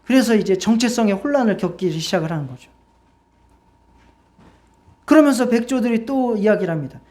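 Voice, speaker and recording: A woman's voice: on the high side, lively intonation, fairly quick, dark tone. A woman pastor preaching in church, telling a story and asking the congregation questions. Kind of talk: sermon with storytelling.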